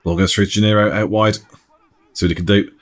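Guy doing chill football commentary, lowish voice, chuckles a lot. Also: quick pace. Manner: relaxed, chatty, laughs often. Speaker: match commentator. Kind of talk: sports commentary voice-over.

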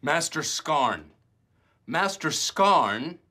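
A man voicing a polite robot butler, stiff and formal, speaking in a slow, stilted, deferential way. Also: on the high side, sing-song, pushed and bright, voice pushed up, full character voice.

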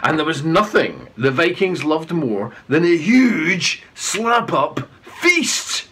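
A man reading his children's storybook aloud, with dramatic, drawn-out emphasis and playful asides. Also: on the high side, big pitch swings, a bit bright, breathy edge.

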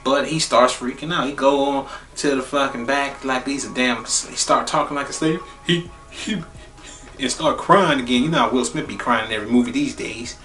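A young man giving a casual spoiler movie review, profane and blunt, repeating phrases for emphasis and jumping into high exclaims. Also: moderate pace, distant mic. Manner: animated, jumps into high exclaims. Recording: roomy echo, a bit off-mic, faint music behind.

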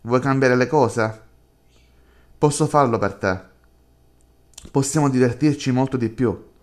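A man's voice: mid-range voice, measured pace, lightly acted. A man reading the lines of a controlling, possessive unseen entity that coaxes and gives orders in a chat horror game. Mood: coaxing, commanding.

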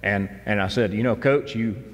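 A fiftyish pastor gives a sermon from a church stage, conversational and earnest, circling back to the same phrases. The voice is fairly low-pitched at a moderate pace, with a big-room sound around it.

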